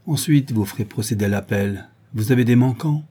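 A man's voice: medium pitch, brisk, warm tone, husky, natural voice. A man voicing a cold, tense male police inspector who gives curt, commanding orders in an audiobook.

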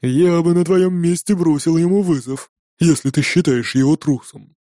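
A man's voice: on the high side, normal speed, mellow, no echo, clean studio sound, natural voice. A man voicing a mocking male northern warrior who drawls with a smirk.

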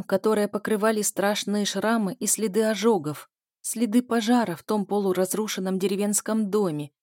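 A woman narrating a novel in a measured, dramatic reading. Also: mid-range voice, a little mellow, dry recording, clean studio sound. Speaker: audiobook narrator. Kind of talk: scripted narration.

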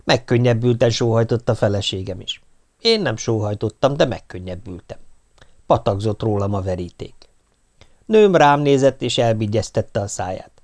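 A man's voice: fairly low pitch, expressive. A man reading a humorous first-person audiobook with a wry, dry delivery. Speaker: audiobook reader.

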